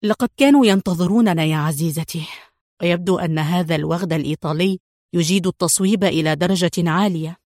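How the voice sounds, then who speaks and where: A woman voicing a cool male secret-agent hero in a spy audiobook, speaking calmly with dry mockery. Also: fairly low pitch, fast, no echo, close to an everyday voice. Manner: calm, dryly mocking.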